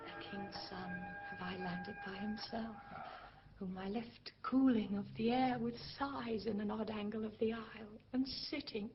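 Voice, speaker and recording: A woman's voice: medium pitch, steady tone, a little slow, close to an everyday voice. A woman playing Ariel, an eager and boastful spirit servant, in theatrical Shakespearean verse for an audio drama. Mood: hushed, satisfied. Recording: muffled lo-fi audio, music behind.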